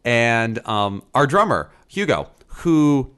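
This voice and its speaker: A man in his thirties co-hosting a podcast in casual chat, animated and quick to slip into playful voices. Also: mid-range voice, clear, resonant tone. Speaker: podcast co-host.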